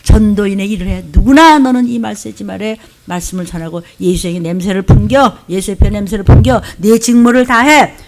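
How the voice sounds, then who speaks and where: A woman pastor preaching a fiery, scolding sermon, swinging from loud outbursts to hushed whispers. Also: medium pitch, fairly quick, few pauses. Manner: mimics churchgoers in mocking quoted voices.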